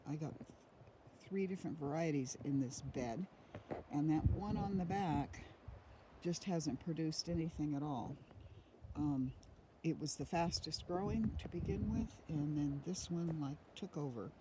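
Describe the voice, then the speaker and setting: A middle-aged woman giving a casual, unhurried walking tour of her garden outdoors in the rain, pausing often with ums. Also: low-pitched. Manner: rambling, unhurried, with frequent ums. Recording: rain noise on outdoor phone audio.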